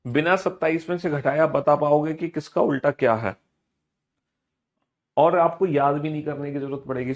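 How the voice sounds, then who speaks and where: A man teaching a live online class, repeating his instructions over and over and leading students in call-and-response drills. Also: a little high. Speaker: online exam coaching teacher.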